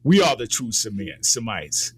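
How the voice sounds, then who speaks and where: A man's voice: big pitch swings, normal speed, husky. Impassioned man ranting on politics. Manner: impassioned, emphatic, rises in pitch when ranting. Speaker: political commentator. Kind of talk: heated political talk.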